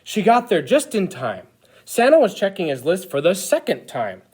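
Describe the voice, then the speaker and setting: A man playing an eager, childlike Christmas elf who reads a picture book to children in an expressive, exaggerated way. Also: high-pitched, moderate pace, husky, full character voice. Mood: eager storytelling. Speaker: storyteller reading to children. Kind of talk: animated picture-book read-aloud.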